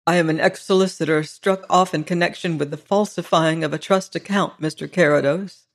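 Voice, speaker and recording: A man reading the part of an impulsive former solicitor turned private detective, speaking in an earnest, somewhat stiff and brisk way. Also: a little high, steady tone. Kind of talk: audiobook character reading.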